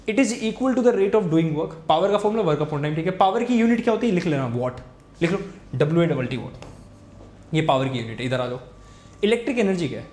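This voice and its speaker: A young man teaching a physics lesson, quick and repetitive, urging students to watch closely. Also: fairly high pitch, darkish tone. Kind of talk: fast Hindi tutoring lesson with board writing. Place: room, recording a class video. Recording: echoey room.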